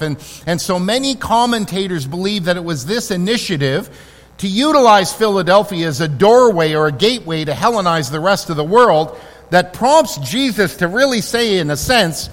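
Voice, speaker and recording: Earnest high-voiced male pastor, reverberant hall. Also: a bit bright. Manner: earnest, emphatic, slows down to stress key words. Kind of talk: sermon.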